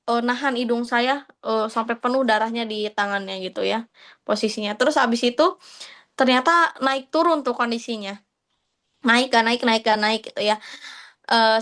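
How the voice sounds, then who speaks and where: A chatty woman leads a relaxed religious class in with a light lilt. Her voice sits a little high for a woman, and she slips into quick acted-out prayers and laughs along the way. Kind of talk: casual religious class talk.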